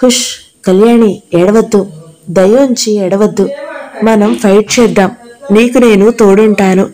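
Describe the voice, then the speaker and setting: A woman's voice: medium pitch, fairly even intonation, a little slow, dark tone, close to an everyday voice, low-quality recording. A woman reading the part of a kind young male doctor, speaking earnestly and reassuringly.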